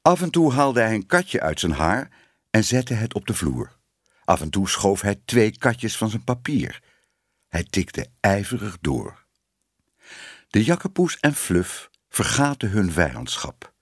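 A man's voice: on the low side, very animated, a little slow, husky, no room sound, clean studio sound. A man narrating a children's storybook expressively. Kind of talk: storybook reading.

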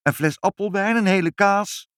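A man voicing a fussy, excitable male shopkeeper in a children's audiobook, squeaky and flustered. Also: normal speed, clear, resonant tone, dry recording, studio quality. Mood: excited.

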